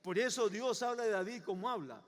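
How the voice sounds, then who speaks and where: Male pastor, high register, emphatic sermon delivery, church hall with long echo. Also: animated, a little fast. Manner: emphatic preaching with repeated rhetorical questions.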